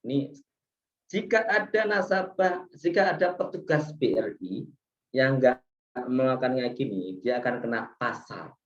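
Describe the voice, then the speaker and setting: A man's voice: mid-range voice, animated, measured pace. Male seminar speaker, echoey hall, dull PA sound. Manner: explains points one by one, asks the audience "ya kan?"; acts out service staff lines in a raised voice. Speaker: speaker at a student seminar on customer service. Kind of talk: seminar presentation with slides.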